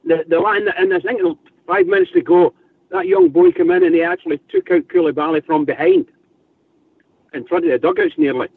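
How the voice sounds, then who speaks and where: Man on the phone, high and gravelly, lively, tinny distant line. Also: fairly quick, no room sound. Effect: over the phone. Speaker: caller. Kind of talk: casual call-in chat. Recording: muffled phone line from far off.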